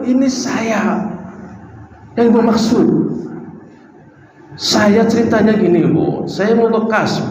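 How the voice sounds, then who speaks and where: A man giving a sermon, telling a story lively and acting out the characters' dialogue. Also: sits high, slight background noise. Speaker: preacher. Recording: echoey hall, dull lo-fi sound.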